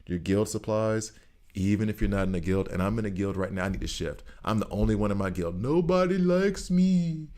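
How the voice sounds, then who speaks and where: A man's voice: low-pitched, fairly even intonation, fast, a little mellow. A man from Alabama with a Southern US accent gives casual game commentary to viewers, repeating phrases for emphasis. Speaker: gaming content creator.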